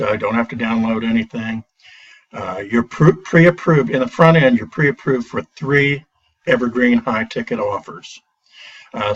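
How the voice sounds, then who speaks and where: A man's voice: mid-range voice, a bit bright. A man giving a casual product review, recorded through a built-in laptop computer mic, talking in a hesitant way with frequent "uh" fillers and restarts. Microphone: built-in computer microphone. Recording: dull lo-fi laptop mic, distant.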